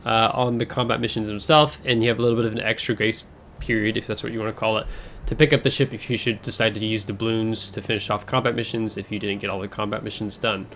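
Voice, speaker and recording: A man's voice: fairly low pitch, level tone, quick pace, fairly bright tone, a little hiss or hum. A man hosting a casual game overview, talking in a chatty, rambling way with fillers and self-corrections, his voice a bit congested from air travel. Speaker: gaming channel host.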